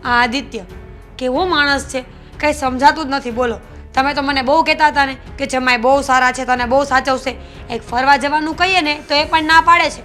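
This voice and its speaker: A young woman playing a stubborn, demanding newlywed wife who talks loudly and argues. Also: high voice, steady tone, fairly quick, faint music behind. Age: young adult. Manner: loud, argumentative.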